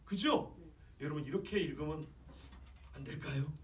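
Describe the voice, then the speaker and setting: In a church sanctuary, a man preaches as pastor at a moderate pace, his voice a little high. He's emphatic and frequently questions the congregation, and the distant-mic recording sounds roomy with a little hiss or hum.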